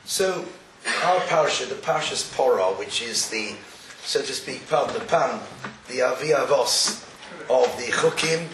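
A man with a croaky voice giving an explanatory Torah lecture, deliberate and sprinkled with Hebrew quotations. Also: mid-range voice, lively intonation. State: croaky, getting over an illness. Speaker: religious lecturer. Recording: roomy, distant, noisy recording with clicks.

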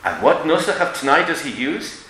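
Animated man lecturing in an echoey room. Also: a little high, normal speed. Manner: emphatic, questioning, uses Hebrew and Yiddish terms. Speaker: religious lecturer. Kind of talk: religious lecture with storytelling and rhetorical questions. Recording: echoey room with background noise.

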